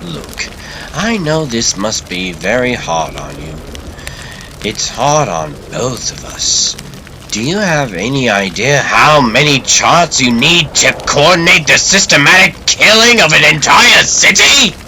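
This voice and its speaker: A man voicing a gleefully sadistic, unhinged clown supervillain in a comic dub, theatrical and taunting, lurching between hushed and shrieking. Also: medium pitch, big pitch swings, slow, a little hiss or hum, voice pushed up, full character voice. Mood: mock sympathy.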